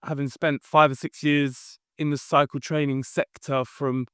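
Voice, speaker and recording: A man talks through his career in a relaxed, explanatory way, pausing on fillers as he thinks. His voice sits a little high and comes across smooth and resonant. The recording is close and dry. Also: no room sound. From London. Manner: thoughtful, explanatory, with frequent fillers. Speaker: podcast guest, company founder. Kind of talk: conversational interview answers.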